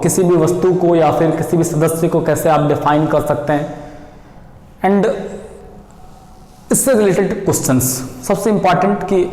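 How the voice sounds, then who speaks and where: Brief: a high-pitched male math teacher who quizzes the class and answers himself, in a roomy, echoing space. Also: darkish tone. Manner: repeats questions to the class and answers them himself. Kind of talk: classroom lecture. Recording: echoey room, long reverb.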